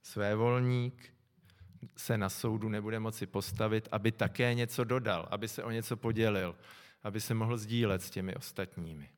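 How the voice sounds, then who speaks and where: A middle-aged man preaching a sermon, calm and reflective, often pausing to think aloud. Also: on the low side. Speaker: pastor. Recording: long echo from a large hall.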